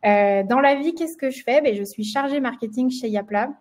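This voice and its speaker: A woman from France, a marketing manager, leads a live webinar in a slightly high, somewhat mellow voice at a moderate pace. Her French accent comes with frequent fillers, halting restarts, and a touch of hoarseness.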